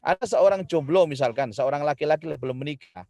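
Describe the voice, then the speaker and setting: A man giving a lively Islamic sermon to an audience, swinging from loud emphatic lines to quiet ones and addressing the listeners directly. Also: a little high, fast talker, dry recording. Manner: lively, rising loud when building a point, then dropping soft; addresses the audience directly, acts out spouses' quarrels. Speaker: preacher.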